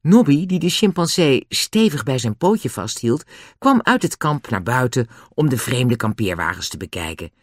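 An audiobook narrator reads a children's storybook aloud with expressive delivery, the pitch rising and falling widely. The pace is moderate, and the recording is dry and close.

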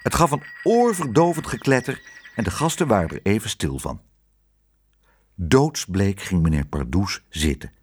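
A man reading a children's book aloud, telling the story in an expressive, animated way. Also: lowish voice, moderate pace, husky.

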